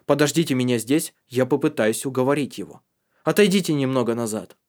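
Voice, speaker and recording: Man reading earnest young man, calm, serious, persuasive, mid pitch, audiobook. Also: brisk, close to an everyday voice.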